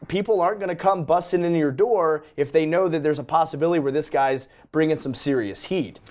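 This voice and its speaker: Animated conversational male host. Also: fairly high pitch, brisk. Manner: animated, conversational, many fillers. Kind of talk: live-stream panel discussion.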